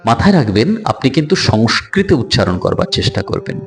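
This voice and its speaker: A man with a Bengali accent patiently teaching pronunciation, breaking words into slow syllables. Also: lowish voice, big pitch swings, vocal fry, faint music behind. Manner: patient, instructive. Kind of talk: pronunciation lesson.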